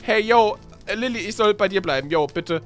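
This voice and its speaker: Casual, slangy man with a high voice. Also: expressive, fairly quick, fairly bright tone, soft background music. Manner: slangy and casual, often asking what is going on; confused and hesitant, with restarts. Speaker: YouTuber playing his own character in a Minecraft story. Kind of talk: role-played Minecraft story with casual chat.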